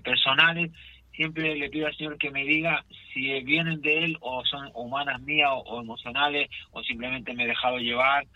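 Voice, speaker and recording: A man's voice: mid-range voice, pushed and bright, no room sound, dull audio. An older man from Chile, a pastor, answering questions in a radio interview, rambling and correcting himself with devout phrasing.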